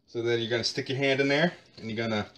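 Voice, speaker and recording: A young man hosting a joking home cooking video, giving deadpan mock instructions in his kitchen. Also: medium pitch, fast, heavy background noise.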